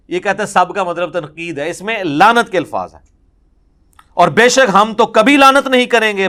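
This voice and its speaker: A man delivers a religious lecture. His voice sits a little high, and he tells his narrations with animation. He acts out the quoted speech as he goes. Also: fairly bright tone. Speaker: religious scholar.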